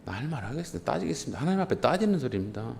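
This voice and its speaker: A man's voice: mid-range voice, sing-song, rapid-fire, vocal fry, a little mellow, a little hiss or hum. A male pastor delivering an emphatic, impassioned sermon.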